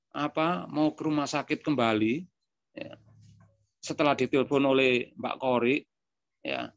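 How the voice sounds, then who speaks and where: A man's voice: medium pitch, clear, resonant tone, dry recording. A man telling a personal story, acting out bits of dialogue, with frequent filler words. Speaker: speaker giving a testimony. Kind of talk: spoken reminiscence. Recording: dry, dull lo-fi sound.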